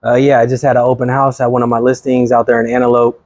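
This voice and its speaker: An easygoing man in his thirties from Sacramento talks as a podcast guest, relaxed and slangy with the odd chuckle. His voice sits at a middle pitch and sounds close and dry, with no room around it. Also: fast talker, dry recording. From Sacramento, California. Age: 30s. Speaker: guest, real estate agent. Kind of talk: casual chat.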